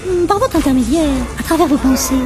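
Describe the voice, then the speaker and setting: A woman's voice: high-pitched, expressive, quick pace, over music. A woman playing a polite, precise young sorceress, speaking formally and primly in a rhyming comic fantasy audio drama. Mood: courteous. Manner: prim, formal.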